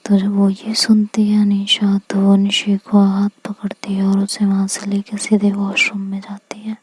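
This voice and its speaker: A young woman telling a story as whispered role-play, soft, slow and gentle, voicing the characters' words under her breath. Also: mid-range voice, completely flat delivery, a little hiss or hum, low-quality recording.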